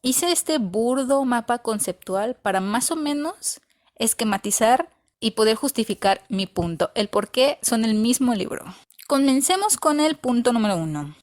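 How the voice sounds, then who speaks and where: A woman's voice: fairly high pitch, lively intonation, normal speed. Blunt woman reviewing books. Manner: blunt, opinionated and emphatic, with repeated insistence. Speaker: book reviewer. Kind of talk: casual book review monologue.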